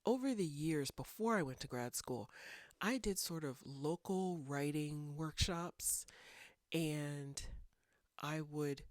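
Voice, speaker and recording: A woman in her thirties hosts a writing channel in a casual talking-head vlog, her deep voice slightly congested from a cold. She speaks slowly and thoughtfully, meandering with fillers, and there's no room sound.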